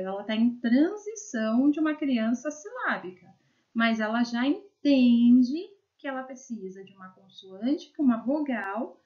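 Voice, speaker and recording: A woman with a Brazilian Portuguese accent who works as an educational psychologist gives a video lesson, explaining slides and sounding out words slowly syllable by syllable. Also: a little high, darkish tone, highs cut off.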